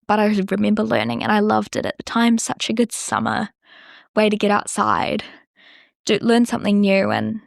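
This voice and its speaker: A young woman with a New Zealand accent hosts a casual solo podcast, chatting and rambling with lots of "like." Her voice sits on the high side and is creaky. The recording is dry and studio quality.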